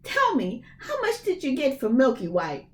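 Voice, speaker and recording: Woman playing a high, scolding storybook mother. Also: wildly swooping pitch, normal speed. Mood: eager. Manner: indignant, shrill exclamations. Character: excitable, scolding, exasperated mother from a fairy tale.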